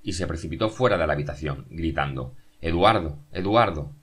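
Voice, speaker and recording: A man narrating a novel as an audiobook, in a steady, measured reading. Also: very deep voice, husky.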